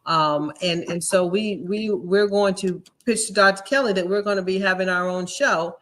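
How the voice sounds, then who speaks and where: A woman host talking up business lessons in a lively, motivational way, tagging her points with "right?". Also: mid-range voice, moderate pace. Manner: upbeat, tags lines with "right?". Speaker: show host and business speaker.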